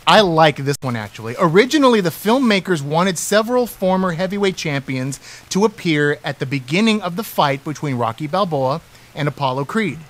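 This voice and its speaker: A man's voice: on the high side, animated, a little fast, fairly bright tone. A man hosting a casual radio talk show, chatting and reading out movie trivia.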